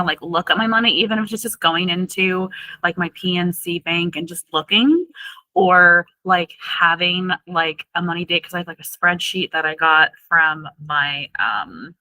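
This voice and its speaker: Woman, podcast co-host, casual chat, laughs a lot, bright voice, dry close sound. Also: lowish voice, dry recording, low-quality recording. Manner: chatty storyteller, laughs often.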